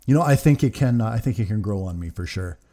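A man hosts a reaction video, talking fast with lively intonation in a lowish, dark-toned voice, and his commentary is casual, enthusiastic and sweary. He sits at a desk in a small indoor room, close to a large desk microphone.

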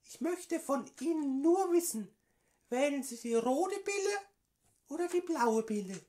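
A man's voice: very high voice, expressive, a little slow, darkish tone, voice pushed up. A man voicing a pushy, mock-official woman party envoy on a prank phone call, insistent and evasive. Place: small room at home, indoors.

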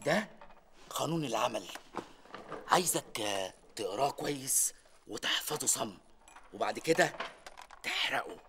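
An actor playing a sly, persuasive agitator in a comedy series, speaking with an Egyptian accent in a conspiratorial, rousing way. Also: male voice, medium pitch, expressive, moderate pace, long pauses, noisy background, close to an everyday voice. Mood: scheming. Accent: Egyptian Arabic.

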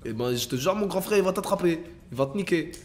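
A man's voice: fairly high pitch, expressive, fast, darkish tone, faint music behind. A young man streaming a role-play game, playful and full of street slang.

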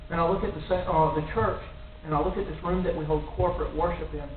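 A man's voice: fairly high pitch, fairly even intonation, fast talker. Earnest man preaching in an echoey room. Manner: earnest, building to emphatic warnings. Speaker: lay preacher. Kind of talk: sermon. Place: small church room in front of a cross. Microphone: stand mic near the mouth. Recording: tinny, echoey, distant with faint hiss.

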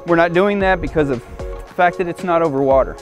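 A man in his forties walks through a hands-on product demo, giving plain instructions in short, casual phrases. His voice is a little higher than average and a little fast, with music clearly audible behind him.

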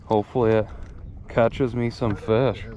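A man's voice: lowish voice, a little slow, slight background noise. A man in his thirties talking casually and upbeat while fishing from a boat on a lake. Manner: relaxed, chatty, upbeat. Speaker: fishing vlogger. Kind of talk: casual on-the-water commentary. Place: boat on a large lake, outdoors.

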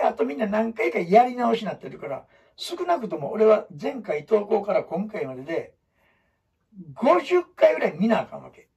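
Man, Kansai accent, emphatic teacher, very husky, heard from off the mic. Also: far from the mic. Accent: Kansai (Osaka). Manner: animated, emphatic, shifts between loud bursts and low asides. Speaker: storytelling teacher. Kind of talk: lecture to students.

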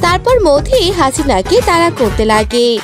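A woman's voice: high-pitched, big pitch swings, measured pace, music in the background. A woman narrating a comic cartoon story from a script.

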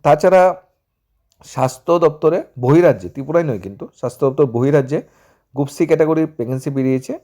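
Fast-talking man. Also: on the high side, dark tone. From Tripura, India. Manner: reads listings quickly with restarts and English terms mixed in. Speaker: job news presenter. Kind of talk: casual job-news rundown.

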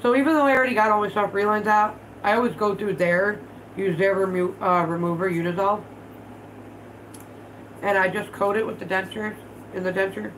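A woman in her thirties hosts a casual vlog livestream from her living room at home, stuffed up from allergies, talking bluntly and swearing freely while working with her hands. Her medium-pitched voice is steady, a little fast, and fairly bright. The low-quality recording has slight background noise.

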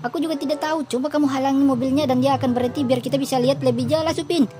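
A woman's voice: fairly even intonation, very fast, natural voice. A woman voicing a cautious little cartoon boy who keeps warning and nagging his twin. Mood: worried. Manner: warns and nags, high piping. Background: game music.

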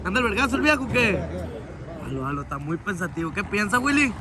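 A man's voice: sits high, sing-song, fast talker. A young man with a Sinaloan Mexican accent chatting casually as a vlog host, using heavy street slang and egging on his companions. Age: young adult. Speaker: vlogger hosting a day out with boys. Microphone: handheld phone. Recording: busy street and shop background chatter.

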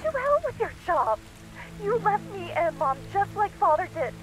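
A frightened, high-voiced sister in a game. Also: female voice, very animated, normal speed, poor audio. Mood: pleading. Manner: pleading, desperate, turns bitter. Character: frightened young woman, grieving sister alone at home. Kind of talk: video game voice acting.

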